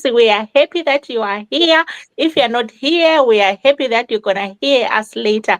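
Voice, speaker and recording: A woman's voice: on the high side, no echo. A woman from Zimbabwe, hosting a live online panel in a welcoming way and repeating phrases for emphasis. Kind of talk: live motivational panel talk.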